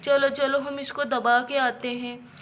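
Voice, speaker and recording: A woman doing a calm practical young man. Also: sits high, measured pace, a little hiss or hum. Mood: serious. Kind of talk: doll story voice acting.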